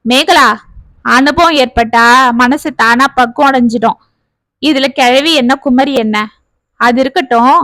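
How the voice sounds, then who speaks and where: A woman reading the part of a concerned young man who gently questions a troubled friend in a family story. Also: high-pitched, no echo.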